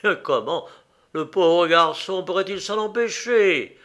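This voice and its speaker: A man's voice: high-pitched, animated, unhurried, fairly bright tone, pitched above the performer's own voice. A man reading an audiobook aloud, voicing an ardent young male inventor who speaks eagerly and with emphasis.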